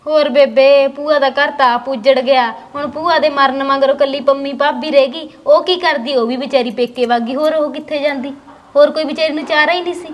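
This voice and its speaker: A young woman plays a steady, comforting village woman with a Malwai Punjabi accent. She has a high voice and speaks in a plain, reassuring way. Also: a little fast, highs cut off, natural voice. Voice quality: consoling, matter-of-fact. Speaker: actor in a village short drama. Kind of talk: amateur village drama acting.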